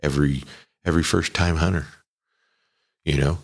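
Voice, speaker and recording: Low, husky easygoing male guest. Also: steady tone. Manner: easygoing, drawn-out storytelling. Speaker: podcast guest. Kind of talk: casual podcast chat. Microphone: podcast dynamic mic.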